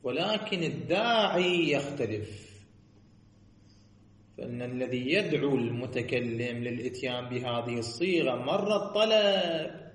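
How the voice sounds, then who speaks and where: A man's voice: mid-range voice, animated, unhurried. A man giving a scholarly lesson, posing rhetorical questions and answering them himself in a sing-song cadence. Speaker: teacher. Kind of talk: seminary lecture on jurisprudence. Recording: echoey room.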